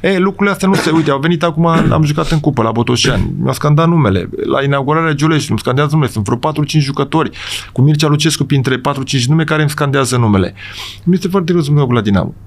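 A middle-aged man, a football coach, talking in a casual podcast interview, emphatic and rambling with frequent restarts and quick check-ins with the host. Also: on the high side, vocal fry. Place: studio.

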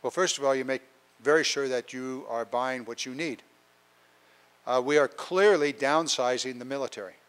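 A man's voice: medium pitch, normal speed, a bit bright, clean tone. An older man speaking at a town hall with a handheld mic in a council chamber, plainspoken with many fillers, getting a cold. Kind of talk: public town hall talk. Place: large council chamber with an audience.

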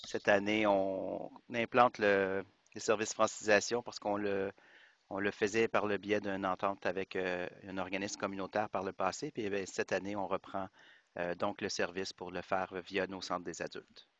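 A man's voice: deep voice, flat delivery, normal speed, a bit bright, dry recording. A man, an educational consultant, introducing himself on a video call. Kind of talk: self-introduction in a meeting.

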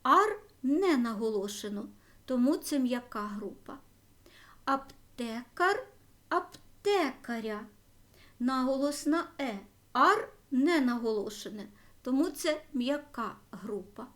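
A woman teacher giving a school grammar lesson, slowly spelling out word forms one by one. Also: high-pitched, expressive. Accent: Ukrainian. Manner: slow, careful dictation of word forms.

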